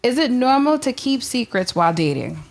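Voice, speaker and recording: A woman's voice: on the high side, very animated, normal speed, gravelly. A woman hosting a casual panel chat, putting questions and explaining things plainly. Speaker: talk show host.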